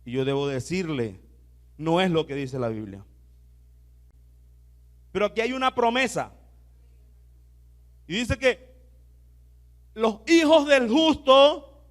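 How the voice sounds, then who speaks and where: A male pastor preaching a sermon, leading the congregation in repeating phrases and moving between soft asides and loud declarations. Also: high-pitched. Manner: exhorting, has the congregation repeat phrases aloud. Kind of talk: sermon with call-and-response.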